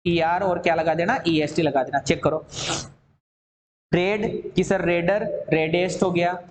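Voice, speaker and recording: A man's voice: high-pitched, steady tone, unhurried, reverberant, slight background noise. A man teaching an English grammar lesson, drilling word forms in lists and asking and answering his own questions.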